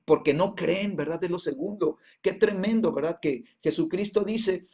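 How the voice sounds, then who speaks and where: A man teaching a Bible class, reading verses slowly and then explaining them with many hesitations and repeated tag questions. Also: on the high side, darkish tone.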